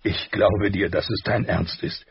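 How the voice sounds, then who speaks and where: A man's voice: sits low, steady tone, vocal fry, breathy edge, no echo, lo-fi sound, heavily acted. A man voicing a stern, reserved lord who speaks coolly and with restraint. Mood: restrained. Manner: cool, measured, restrained.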